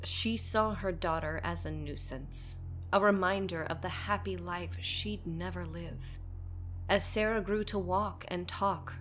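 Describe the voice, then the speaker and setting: A woman with a low-side voice tells a scripted horror story as a storyteller, dramatic and deliberate, sometimes dropping toward a whisper.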